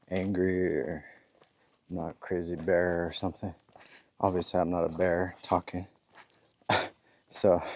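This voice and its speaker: Man, deep voice, easygoing hiker vlog, talks while walking outdoors. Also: a little mellow. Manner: rambling, easygoing, with chuckles. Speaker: thru-hiker vlogger. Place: outdoors on a forest trail.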